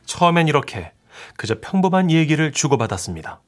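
A man's voice: fairly high pitch, very animated, brisk, faint music behind. A man reading scripted storytelling narration as the narrator of a radio drama.

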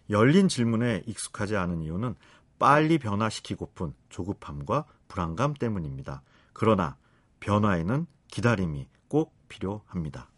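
Calm lively-voiced male radio psychiatrist. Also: lowish voice, no echo. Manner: calm explanatory tone, rhetorical questions. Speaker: psychiatrist and radio segment host. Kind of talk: scripted radio commentary.

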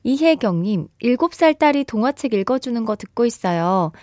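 A woman radio DJ chatting and reading listener messages, animated and laughing often, on a close studio mic. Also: on the high side, normal speed, dry recording.

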